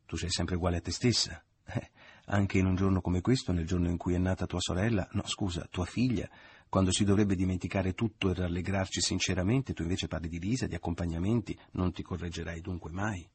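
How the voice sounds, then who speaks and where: A man with a low, husky voice reading a glib, mocking young man in an audiobook. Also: steady tone, a little fast. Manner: ironic, mocking.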